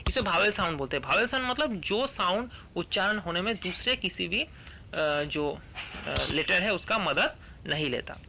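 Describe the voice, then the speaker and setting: A male English grammar teacher, reading rules aloud slowly and then explaining them, often asking the class a question and answering it himself. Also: high-pitched, expressive, creaky, sharp tone, a little hiss or hum.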